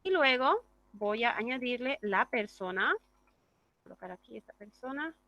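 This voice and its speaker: Bright-voiced woman teaching grammar. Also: fairly high pitch, lively intonation, normal speed, no room sound, dull audio. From Bolivia. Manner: explains step by step, checks in with tag questions. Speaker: English teacher. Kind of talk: classroom grammar lesson.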